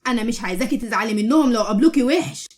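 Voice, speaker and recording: A woman's voice: on the high side, animated, very fast, darkish tone, lightly acted. A woman with an Egyptian accent voicing a blunt but caring woman prisoner who scolds her cellmate. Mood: scolding. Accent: Egyptian Arabic.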